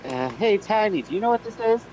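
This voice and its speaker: A player chats casually during a tabletop game. The voice is medium in pitch, recorded with faint background noise. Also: animated, quick pace, darkish tone, muffled recording.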